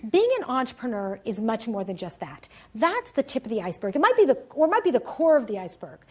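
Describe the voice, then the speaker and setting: Woman, lecturer, motivational talk, high bright pitch, animated storytelling. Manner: storytelling, animated, upbeat, laughs at her own punchlines. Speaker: university lecturer.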